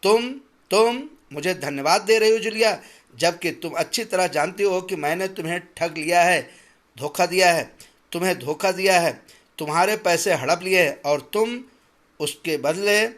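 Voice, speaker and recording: A man's voice: high-pitched, moderate pace. A man voicing a stern, calculating employer who counts out wages and lectures his governess in a clipped, pedantic way. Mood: furious. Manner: pedantic, then shouting and stammering in anger.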